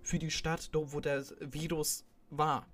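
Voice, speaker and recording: A man's voice: fairly high pitch, little pitch movement, unhurried. A young man talking casually in a rambling way, with many fillers and restarts. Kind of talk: casual chat.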